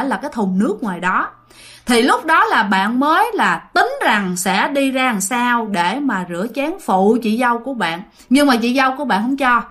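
A woman with a fairly high, rather bright voice tells a ghost story casually. She's chatty, uses many fillers, and makes asides directly to her listeners.

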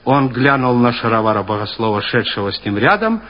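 A man narrating an audiobook in a theatrical, expressive literary reading, in a dull lo-fi archive recording. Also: medium pitch, brisk. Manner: theatrical, lively storytelling.

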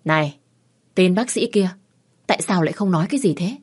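A woman's voice: fairly low pitch, expressive, fairly quick, husky. A woman voicing a frank, easygoing middle-aged aunt who teases bluntly in an audio story. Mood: teasing. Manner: blunt and teasing.

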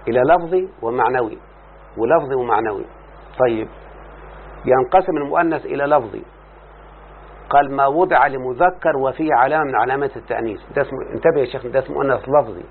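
A faint hiss runs under this tinny, lo-fi clip of an Egyptian-accented teacher of Arabic morphology. Speaking quickly in a mid-range voice, he reads from a text, explains the grammar, and repeatedly checks that his student is keeping up.

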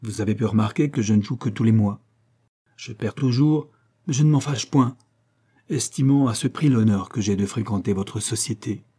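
A man's voice: fairly low pitch, normal speed, warm tone, slightly rough. A man reading aloud, voicing a proud, poor young captain in an impassioned, declamatory way. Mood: earnest confession.

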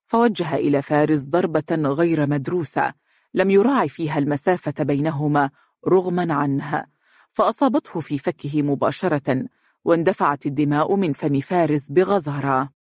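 A man narrating a novel in a steady, even storytelling voice. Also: on the high side, no echo, studio quality. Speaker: audiobook narrator. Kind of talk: scripted narration.

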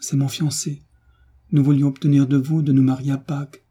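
A man voicing a tearful young peasant girl who begs for mercy, in a dark, husky tone. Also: medium pitch, little pitch movement, normal speed, voice pushed up, close to an everyday voice. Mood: tearful pleading. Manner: begging, sobbing pleas.

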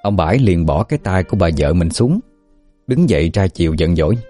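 A man calmly narrating a scripted folk ghost story, with faint music behind. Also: sits low, brisk.

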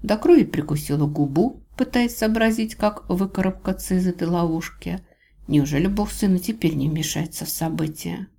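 Low-voiced woman narrating an audiobook. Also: moderate pace, gravelly, dark tone. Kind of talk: first-person audiobook narration.

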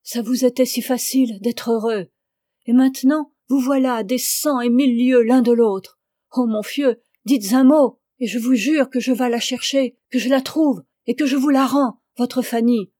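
A woman's voice: medium pitch, steady tone, normal speed, warm tone, dry recording, clean studio sound, natural voice. A woman voicing an old village peasant woman who pleads urgently and rises to cries. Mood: pleading.

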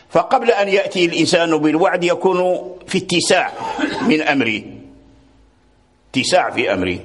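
A man teaching a lesson on Quran recitation, patiently repeating words and phrases as he explains. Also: medium pitch. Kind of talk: religious lecture.

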